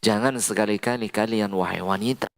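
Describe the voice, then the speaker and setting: A man preaching a sermon to a women's study group. He chants verses slowly and acts out little scenes with quoted voices. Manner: animated, jumps to high emphatic pitch, chants Quran verses slowly. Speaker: Islamic preacher.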